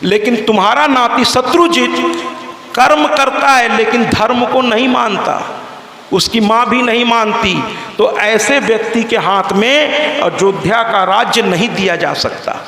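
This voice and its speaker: A male religious storyteller giving a devotional scripture discourse in lively tones, acting out the voices of the people in his stories. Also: extremely high pitch, measured pace, slight background noise. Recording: echoey hall with long reverb.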